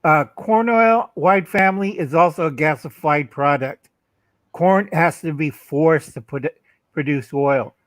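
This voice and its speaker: A man's voice: a little high, measured pace, a bit bright, no room sound. A man co-hosting a livestream, blunt and folksy, telling stories over a video call. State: coughing. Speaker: livestream co-host. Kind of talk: casual livestream chat.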